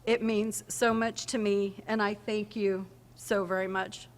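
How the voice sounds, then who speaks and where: A woman's voice: mid-range voice, little pitch movement, a little slow. A woman giving an emotional acceptance speech at a podium mic, tearful but joking with the audience. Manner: emotional, teary, jokes with the audience. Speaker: hall of fame inductee. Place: large banquet hall. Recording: reverberant hall, faint ambience.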